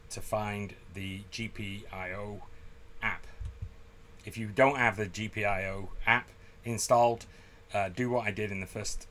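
A man's voice: fairly low pitch, fairly bright tone, a little hiss or hum. A man in his fifties giving a methodical technical tutorial from a basement workshop, recorded on a desk webcam. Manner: methodical, repeats steps plainly. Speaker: DIY sailing electronics presenter.

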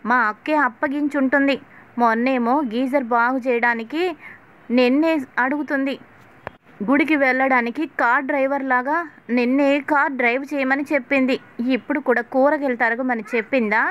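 A woman voicing a sharp-tongued middle-aged mother-in-law who nags and scolds. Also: high-pitched, steady tone, normal speed. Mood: agitated. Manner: nagging, rising to agitated scolding.

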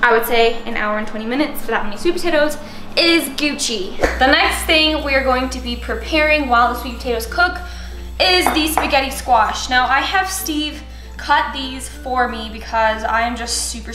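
A woman's voice: a little high, fairly even intonation, moderate pace, pushed and bright. Chatty young woman in an echoey kitchen. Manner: chatty, upbeat, explains step by step. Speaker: lifestyle vlogger. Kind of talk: casual cooking tutorial. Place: home kitchen, indoors. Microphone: camera mic from a few steps away. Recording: echoey kitchen with faint music.

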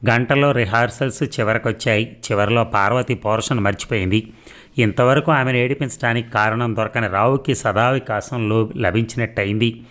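A man narrating a story in a measured, expressive reading. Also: medium pitch.

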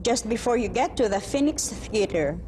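A woman's voice: a little high, lively intonation, normal speed, mellow, a little hiss or hum, natural voice. A woman playing a helpful friend giving directions in a scripted listening-test dialogue. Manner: clear, helpful, explanatory.

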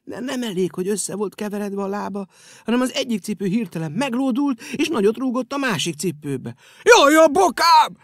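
Male audiobook narrator, playful children's tale, lively pitch, dry studio sound. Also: no echo. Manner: animated and playful. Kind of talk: expressive children's story reading.

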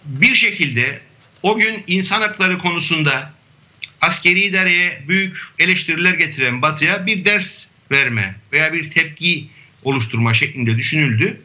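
High, bright-voiced male academic guest. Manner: measured, hesitant with frequent fillers. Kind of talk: remote panel discussion.

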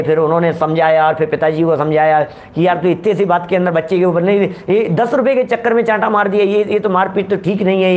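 A middle-aged man preaching a religious discourse. He tells everyday stories and keeps asking his listeners rhetorical questions. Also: high voice. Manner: storytelling with everyday examples, asks rhetorical questions.

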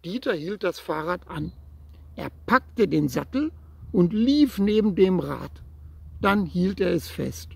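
A man reading a children's story aloud in a gentle way, speaking straight to the child listening, with a husky voice. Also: sits high, expressive, slow, no echo.

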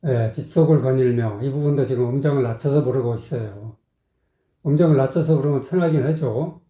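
Dark in tone and medium in pitch, this man analyzes a song and scolds the singer with blunt critique, interjecting brief affirmations as he goes. The recording carries a roomy echo.

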